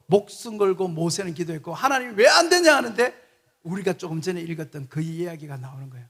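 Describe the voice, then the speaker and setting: A missionary serving as guest preacher delivers a passionate sermon in a church sanctuary with long reverb, leading the congregation to repeat phrases after him. His voice is on the high side and his pace quick, impassioned throughout.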